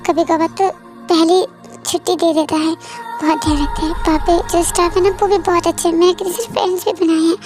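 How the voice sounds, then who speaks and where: Very high-pitched dutiful young daughter, voiced by a woman. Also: fairly even intonation, fast, music in the background. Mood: reassuring. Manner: soothing, pleading. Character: caring young adult daughter, dutiful and reassuring. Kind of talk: amateur fan audio drama.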